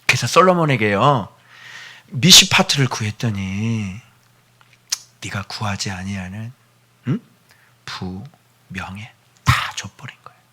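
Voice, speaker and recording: A middle-aged man preaching a sermon as pastor, animated, moving between hushed whispers and near-shouts. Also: on the low side, measured pace, pauses often, husky. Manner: acts out a doting father's voice.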